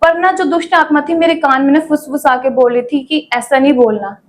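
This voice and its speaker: Young woman, high voice, chatty storytelling w/ lots of little fillers, sharing her testimony. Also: brisk. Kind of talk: casual testimony in an interview.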